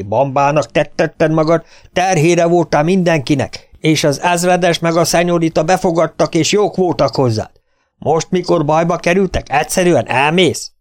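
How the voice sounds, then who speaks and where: A man voicing a freckled young cowboy who shouts in a sharp, challenging way. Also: a little high, voice pushed up, natural voice.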